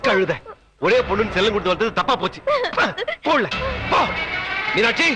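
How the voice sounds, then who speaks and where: An actor playing a middle-aged father and head of the family who scolds and shouts in a radio drama. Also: high-pitched, lively intonation, fairly quick, over loud music. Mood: scolding.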